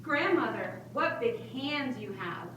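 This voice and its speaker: A woman's voice: on the high side, lively intonation, takes it slowly. A woman playing a polite, trusting little girl in a children's puppet show, with a sing-song delivery. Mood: wondering. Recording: echoey room, distant mic, clear background noise.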